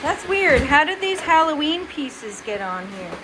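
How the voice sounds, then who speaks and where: Higher-pitched woman, casual home chat. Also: sing-song, unhurried, noisy background. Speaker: parent hosting a home video.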